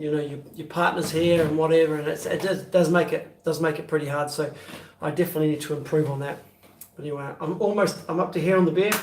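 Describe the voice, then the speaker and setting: A man in his fifties with a New Zealand accent, chatting casually on a live stream and answering viewers' questions in a loose, rambling way, full of fillers and restarts. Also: on the high side. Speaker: beer vlogger answering live chat. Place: bedroom, indoors. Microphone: phone on a stand at arm's length. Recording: echoey room, phone mic from a distance.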